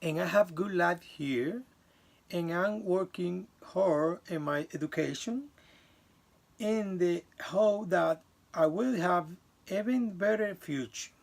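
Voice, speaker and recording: This is a video of a class presentation by a male student from the Dominican Republic, whose high voice is also slow and gravelly. His delivery is earnest but halting, with restarts and some non-native grammar.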